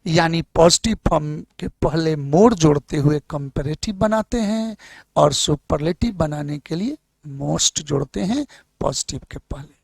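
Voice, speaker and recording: A man from India with a Bihari Hindi accent, teaching a classroom English grammar lesson and slowly dictating English examples. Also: fairly high pitch, lively intonation, vocal fry, a little mellow, slightly rough, dry recording.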